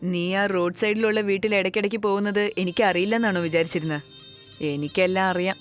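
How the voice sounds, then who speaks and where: A woman's voice: medium pitch, fairly even intonation, quick pace, soft background music, natural voice. An actress dubbing a fierce, bold young village woman who speaks sharply. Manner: bold, sharp-tongued, demanding. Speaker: dubbing actress voicing the heroine. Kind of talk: Malayalam film dub acting.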